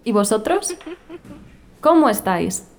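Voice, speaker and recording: A woman's voice: mid-range voice, very animated, slight background noise. A woman in her twenties from Spain with a Spanish-from-Spain accent, narrating a scripted learner story as a new teacher. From Spain (Galicia). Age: 20s. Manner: slow, clear, carefully spoken.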